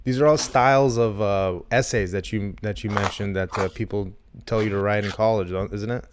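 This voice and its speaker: A man's voice: fairly low pitch, fairly even intonation, moderate pace, a little hiss or hum. A man in his thirties co-hosting a comedy podcast, rambling and joking with lots of swearing. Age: 30s. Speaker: podcast co-host. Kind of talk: casual chat.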